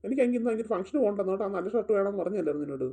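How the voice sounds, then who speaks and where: A woman's voice: mid-range voice, animated, racing, warm tone, husky. A woman voicing a grumpy middle-aged father who nags his wife in a family skit. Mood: grumbling. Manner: nagging, complaining.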